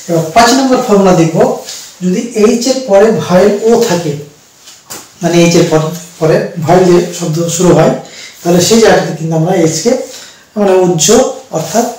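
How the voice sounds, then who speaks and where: Echoey, high-voiced man teaching pronunciation. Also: a little mellow, recorded from a distance. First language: Bengali. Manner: slow, repetitive explaining with fillers. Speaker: English teacher. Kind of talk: spoken pronunciation lesson. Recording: very echoey room, voice from the mic.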